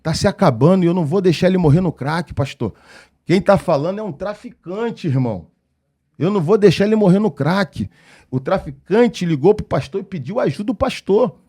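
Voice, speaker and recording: A man with a Rio de Janeiro accent, a pastor and podcast guest, telling stories in an animated way and acting out the dialogue. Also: sits high, fairly quick, breathy edge. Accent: Rio de Janeiro Portuguese. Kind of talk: storytelling in a podcast interview.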